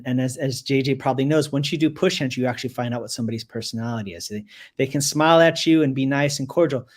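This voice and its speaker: A man in his forties telling a story in a relaxed, talkative way, often repeating words as he goes. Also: medium pitch. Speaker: resident kung fu master. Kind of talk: casual storytelling on a live show.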